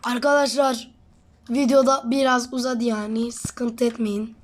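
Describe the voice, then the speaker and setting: High-voiced woman chatting over gameplay. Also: level tone, measured pace, a little hiss or hum. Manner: chatty, teasing, addresses viewers. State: says she is sick. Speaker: gamer and channel host. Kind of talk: casual gameplay commentary.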